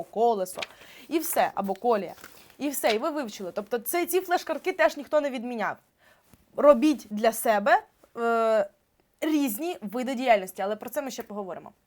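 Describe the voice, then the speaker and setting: A young woman with a slightly high voice gives a lively exam-prep lesson. She explains each point through examples and keeps talking with an easy, casual flow of fillers. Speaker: teacher.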